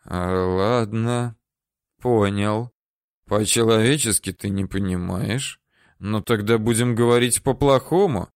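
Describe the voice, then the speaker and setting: A man voicing a hard, threatening male interrogator for an audiobook, talking curtly, slowly and low. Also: clear, resonant tone, dry recording, clean studio sound. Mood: cold. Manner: curt, threatening, slow and low. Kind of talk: audiobook character voice.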